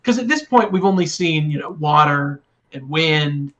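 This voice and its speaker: A man's voice: a little high, normal speed, lo-fi sound. A man co-hosting a podcast, talking casually and eagerly. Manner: enthusiastic, excitable. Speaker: podcast co-host. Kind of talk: casual chat.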